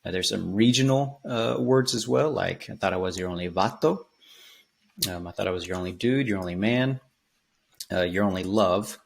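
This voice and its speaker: Low gravelly man teaching casually. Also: moderate pace. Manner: relaxed, rambling, many ums and restarts, sings snippets. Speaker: language teacher. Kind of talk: casual spoken lesson, explaining song lyrics.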